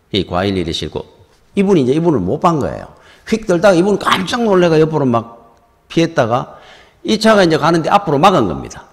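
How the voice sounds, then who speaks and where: A middle-aged man with a Gyeongsang accent, a pastor telling stories in a conversational sermon in a church. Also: a little high. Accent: Gyeongsang Korean. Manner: storytelling, conversational and lively. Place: church sanctuary. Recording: reverberant church hall.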